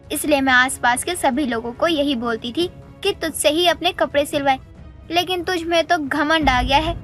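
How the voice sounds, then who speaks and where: A woman doing a nagging aunty from next door, bossy and scolding, high voice, faint music. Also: a bit bright. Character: nagging middle-aged neighbor aunty, proud.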